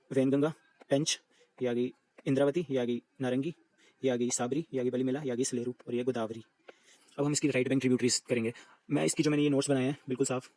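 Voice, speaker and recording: A man teaching an exam-prep geography lesson, reciting lists briskly and repeating them to drill them in. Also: medium pitch, darkish tone, no room sound, poor audio.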